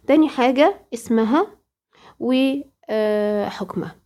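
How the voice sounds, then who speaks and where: A woman's voice: a little high, measured pace, mellow. A woman with an Egyptian accent, teaching a recorded tajweed lesson and patiently repeating points to a female student. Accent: Egyptian Arabic. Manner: patient and repetitive, addressing a female student directly. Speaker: Quran recitation teacher.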